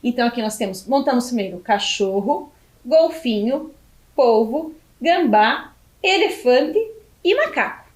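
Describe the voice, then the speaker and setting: A Brazilian Portuguese woman teaches young children in a video lesson. Her voice sits high and swoops up and down a lot, and she draws words out syllable by syllable. It sounds like a roomy, echoey space. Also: animated. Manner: slow, stretched syllables when spelling out words. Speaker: primary school teacher.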